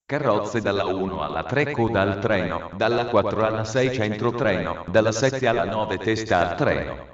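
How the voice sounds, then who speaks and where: Man, flat formal station announcement, segmented phrasing, distant, muffled public address sound. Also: on the low side, moderate pace. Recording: echoey dull station loudspeaker from afar.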